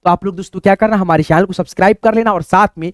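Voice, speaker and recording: This man's voice sits high and comes out rapid-fire, recorded dry with clean studio sound. He runs a screen-based language lesson in a chatty style, often calling his listeners friends, checking they follow, and drawing out vowel sounds to demonstrate them.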